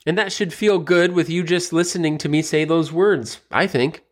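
A man hosting a podcast, speaking in a casual motivational monologue full of fillers and restarts. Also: moderate pace. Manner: rambling, with many fillers and restarts; grows more emphatic and pitch rises toward the end. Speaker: podcast host.

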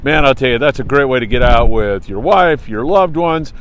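A man's voice: medium pitch, moderate pace, slight background noise. An American man hosting an outdoor morning briefing in an upbeat, hearty, folksy and emphatic manner, like a travel show host. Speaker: host of a fishing report show. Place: outdoors on a windy beach.

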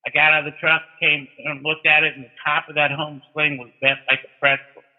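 A man's voice: fairly high pitch, level tone, brisk. A man explaining technical matters casually in a folksy storytelling way, like an experienced instructor. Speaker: towing instructor and guest. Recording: thin, narrow-band phone-like line.

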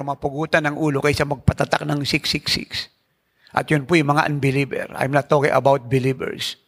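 A man's voice: fairly high pitch, fairly bright tone. A male pastor preaching a sermon emphatically, asking the congregation rhetorical questions and mixing in English phrases.

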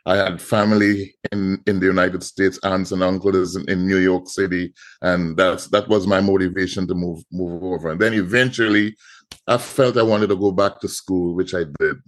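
A low-voiced, middle-aged man from Trinidad and Tobago talks at a moderate pace with fairly even intonation. As a guest artist in a podcast interview, he tells his story in a Trinidadian accent, often repeating words.

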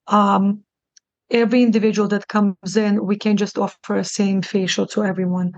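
Flat, gravelly-voiced middle-aged woman guest. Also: mid-range voice, dry recording, lo-fi sound. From born in Russia, raised in New York. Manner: halting, many fillers and restarts, earnest. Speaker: guest, clinic CEO. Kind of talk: casual podcast interview.

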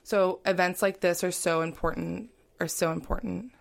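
A woman's voice: fairly low pitch, fairly even intonation, moderate pace, creaky. A young adult woman, a college student, talking casually as a podcast guest and filling her speech with "like" and "you know". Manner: chatty, heavy on "like" and "you know". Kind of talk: casual interview talk.

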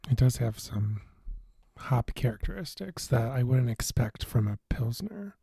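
A man co-hosting a podcast in casual beer-tasting chat, relaxed and hesitant, with many fillers and restarts. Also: medium pitch, a little slow, creaky, slightly rough, dry recording, studio quality. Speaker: podcast co-host.

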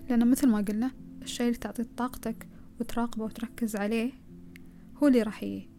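A woman's voice: a little high, steady tone, racing, warm tone. A woman with a Gulf Arabic accent giving a conversational self-help talk, advising the listener and piling up rhetorical questions.

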